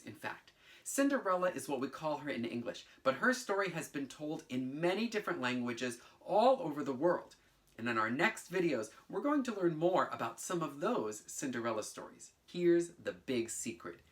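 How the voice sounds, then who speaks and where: A man in his thirties, a teaching artist and presenter, gives a children's lesson mixing storytelling and instruction from a bedroom at home. His voice is on the high side at a normal speed, and he's animated and theatrical, enunciating clearly and breaking into sing-song chants.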